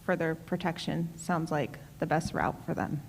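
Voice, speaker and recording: A woman's voice: deep voice, moderate pace. A woman speaking as a board member in a formal meeting discussion. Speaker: board member making a motion. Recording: echoey hall with faint noise.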